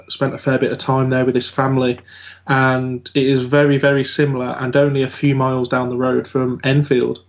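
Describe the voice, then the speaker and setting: A man who investigates the paranormal, talking through his work in a casual round-table chat. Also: mid-range voice. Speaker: paranormal investigator and podcast host. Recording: dull lo-fi audio.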